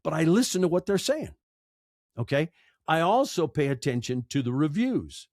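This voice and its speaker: A man with a voice on the high side talks in a sing-song, darkish tone at a moderate pace. As a podcast guest who works as a broadcaster and audiobook narrator, he tells stories conversationally and emphatically, using rhetorical questions and repeated phrases. The studio sound is clean, with no room sound.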